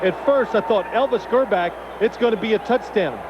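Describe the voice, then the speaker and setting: A man's voice: sits high, fairly quick, background noise. A man giving informal, conversational color commentary on a live football game, often repeating himself for emphasis. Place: stadium broadcast booth. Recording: dull broadcast audio, very loud stadium crowd.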